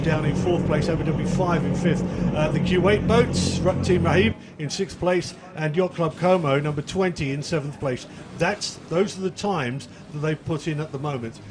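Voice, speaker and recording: A man's voice: a little high, very noisy. A man doing live race commentary in a chatty, jokey way, describing boats he watches out the window.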